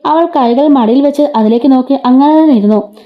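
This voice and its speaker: A woman's voice: high voice, fairly quick. A woman narrating a serial story, reading the dialogue without much change of voice. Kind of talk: read-aloud story narration. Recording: dull lo-fi sound.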